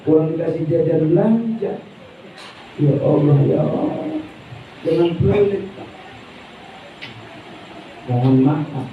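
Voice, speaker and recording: A man preaching a sermon at a memorial prayer gathering. He is folksy and joking, swinging between loud shouts and low asides. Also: takes it slowly, pauses often. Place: community gathering, indoors or under a tent. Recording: tinny distant recording with heavy echo and faint noise.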